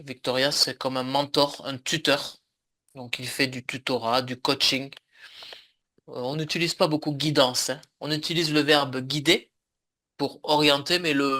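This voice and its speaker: Bright-voiced male French teacher. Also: mid-range voice. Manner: patient, explains slowly with many fillers and repetitions. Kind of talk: online language lesson.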